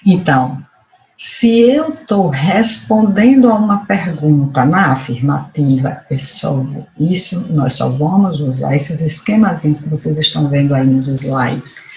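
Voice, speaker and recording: A teacher with a Brazilian Portuguese accent gives a remote lesson, speaking slowly and patiently repeating each point. Their voice sits at a middle pitch. The recording is dull and lo-fi, with a roomy echo and a faint hiss underneath. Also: darkish tone. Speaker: English teacher. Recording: echoey room, dull lo-fi sound, faint noise.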